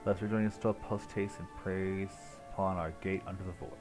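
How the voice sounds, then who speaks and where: Over video game music, a man livestreams his play, voicing the in-game dialogue and chatting casually with the odd curse thrown in. His low-pitched voice moves little in pitch, and he talks briskly.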